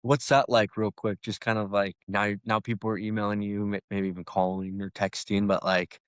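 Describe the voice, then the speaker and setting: Young male host, loose rambling delivery, low pitch, dry mic. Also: little pitch movement, moderate pace, smooth, no room sound. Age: young adult. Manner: rambling, restarts, many "like"s. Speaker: podcast host. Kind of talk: casual podcast interview.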